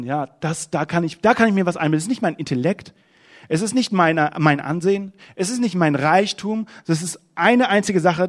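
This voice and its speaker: Young male preacher, higher voice, conversational sermon with emphatic peaks and quiet drops. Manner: conversational, emphatic, rises to urgent heights and drops low.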